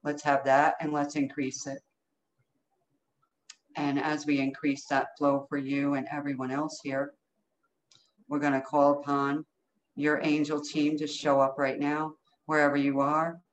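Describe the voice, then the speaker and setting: A woman's voice: sits low, completely flat delivery, unhurried, long pauses. A woman leading an improvised energy healing session as a healer, speaking in short, incantatory phrases with repeated commands. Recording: dull, lo-fi call audio with noise.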